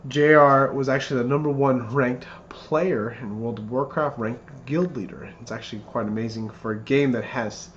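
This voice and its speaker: A man in his thirties rehearsing a best man's wedding speech in an earnest, somewhat halting way, often repeating phrases. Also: medium pitch. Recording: muffled lo-fi, clear background noise.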